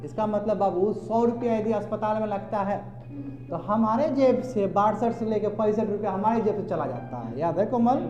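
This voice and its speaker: A man's voice: high-pitched, moderate pace, darkish tone, soft background music. A man lecturing a class, chatty, calling on students directly and mixing in English terms. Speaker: teacher. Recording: echoey classroom, slightly dull.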